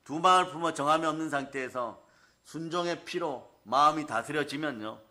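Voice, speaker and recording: A male pastor delivers a sermon in a bright, forceful, fairly high voice. He drives his points home emphatically, constantly calling out to his listeners and acting out little scenes as he goes. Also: a little fast. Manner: emphatic, calls out to the congregation; storytelling with acted asides.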